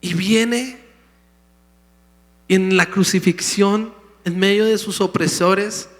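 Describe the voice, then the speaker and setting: A man's voice: sits high, fairly even intonation, slow pace, a bit bright. A pastor preaching a sermon, emphatic, calling out to his congregation in a church sanctuary. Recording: long hall reverb.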